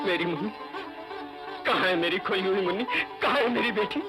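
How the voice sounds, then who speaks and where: A man's voice: high-pitched, sing-song, moderate pace. An actor playing a proud lawyer and father who swings between indignant anger and anguish, in 1970s Hindi film style. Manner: indignant, shouting, emotional. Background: film score music.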